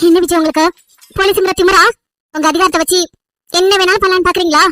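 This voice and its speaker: A woman voicing an anguished, high young woman. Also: steady tone, fast talker, sharp tone. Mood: indignant. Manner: pleading, tearful outbursts. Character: distressed young woman Vennila, anguished and defiant. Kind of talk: cartoon story voice acting.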